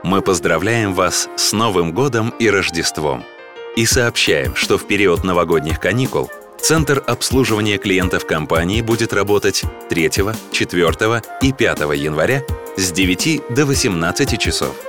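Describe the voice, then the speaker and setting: A man reading a company's answering machine message in a measured, formal and polite way. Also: sits low, animated. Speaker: announcer for a company phone line. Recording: studio voice with music playing under it. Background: music.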